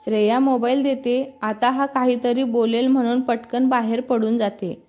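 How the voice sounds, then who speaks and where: A woman storyteller reads a serialized story in a steady, plain manner. Her voice sits fairly high for a woman, and light background music runs faintly underneath. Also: moderate pace. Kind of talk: scripted story narration.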